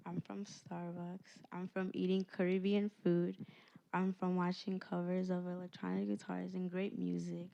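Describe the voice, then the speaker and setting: A woman reading a spoken word poem at a school board meeting, slow and measured. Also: on the low side, creaky, darkish tone, lo-fi sound. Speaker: student poet.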